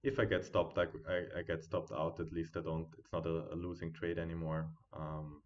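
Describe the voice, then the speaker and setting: A man at home giving live trading commentary, thinking aloud as he watches the charts and chats with his viewers, on a quiet built-in computer mic. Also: low voice, level tone, moderate pace, highs cut off. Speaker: day trading streamer.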